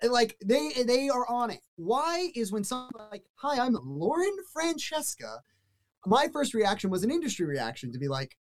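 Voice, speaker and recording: A podcast host with a fairly high-pitched voice runs a casual interview, asking rambling, animated questions at a normal speed.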